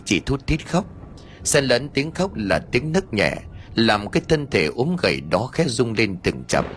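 A man narrating a scripted ghost story in a dramatic, tense storytelling manner. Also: lowish voice.

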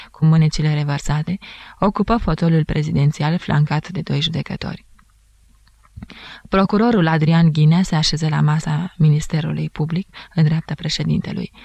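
Gravelly woman reading a novel. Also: low-pitched, darkish tone, dry recording. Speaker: audiobook narrator. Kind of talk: scripted literary narration.

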